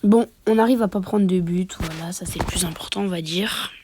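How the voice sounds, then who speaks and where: Commentating casually on his own match, a sniffling man with a cold mutters half-whispered asides and playful boasts into a phone mic. He speaks briskly in a high, slightly mellow voice, with slight background noise.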